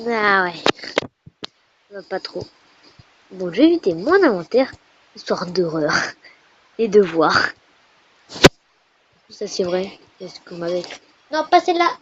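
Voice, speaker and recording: A woman giving casual, chatty and playful commentary while playing a game, with sudden excited squeals. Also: mid-range voice. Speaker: gamer. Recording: dull lo-fi recording with faint noise.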